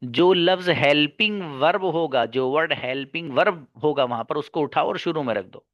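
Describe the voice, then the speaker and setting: Brisk, bright-voiced grammar teacher. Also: male voice, on the high side, no echo, lo-fi sound. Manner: repeats key words slowly and drills them, asks and answers his own questions; playful mock-serious asides. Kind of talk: classroom lecture.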